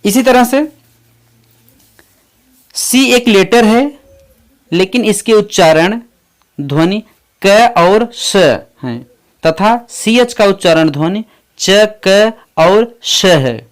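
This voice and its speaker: A man teaching English pronunciation, spelling out words letter by letter in a slow, deliberate way. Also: sits high, expressive. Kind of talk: explaining English pronunciation in Hindi.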